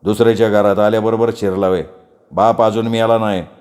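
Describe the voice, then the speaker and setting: A man voicing a sly, gruff village father who drawls and mocks in rustic dialect. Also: lowish voice, little pitch movement, a little fast, a little mellow, lightly acted. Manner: drawling, mocking rustic speech.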